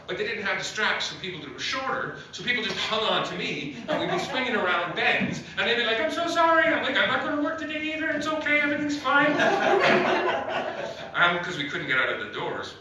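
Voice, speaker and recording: In an empty small club, a man with a high-pitched, pushed and bright voice performs stand-up comedy. He rambles, says "uh" to fill gaps and laughs at his own jokes, captured by a distant mic in an echoey room with faint noise.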